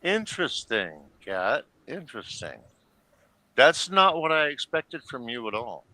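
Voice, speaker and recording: Man, stream panelist, bright and animated, dry close sound, teasing. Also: medium pitch, measured pace, no echo, poor audio. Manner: expressive, teasing. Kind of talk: casual livestream panel chat.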